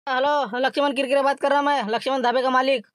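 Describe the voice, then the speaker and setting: A man voicing a blustering, brash male dhaba owner who makes loud threats. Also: very high-pitched, steady tone, fast talker, no room sound, studio quality, pitched above the performer's own voice. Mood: challenging.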